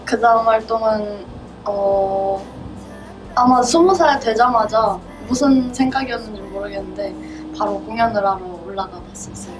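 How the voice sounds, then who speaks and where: A woman in her twenties chatting casually and politely as an interview guest, quick to giggle. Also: medium pitch, steady tone. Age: 20s. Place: indoor rehearsal room with drum kit. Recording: distant mic, music behind.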